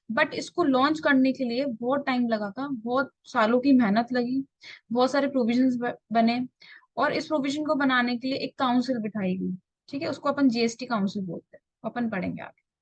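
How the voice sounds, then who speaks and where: A young woman teaching a revision lecture. She poses questions and answers them herself, repeats key terms, and reads definitions slowly, word by word. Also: on the high side, breathy edge, no room sound, lo-fi sound. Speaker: tax tutor.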